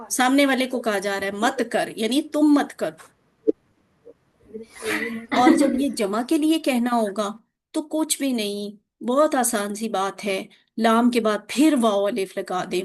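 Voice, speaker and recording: A woman teacher leads a grammar lesson over a video link, her voice set a little high. She drills each form slowly and patiently, repeating it again and again. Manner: slow patient drilling with repetition. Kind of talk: online Arabic grammar lesson.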